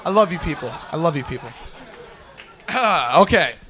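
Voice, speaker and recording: High-voiced man rapping spoken word. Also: lively intonation, moderate pace, crowd noise. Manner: rhythmic, playful wordplay, boastful. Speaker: open mic performer. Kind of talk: spoken-word rhyming poetry. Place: live open mic stage.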